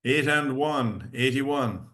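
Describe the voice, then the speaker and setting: Irish male bingo caller and host, medium pitch, measured delivery of numbers and announcements. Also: lively intonation, sharp tone. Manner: measured, repeats each number in digits then in full.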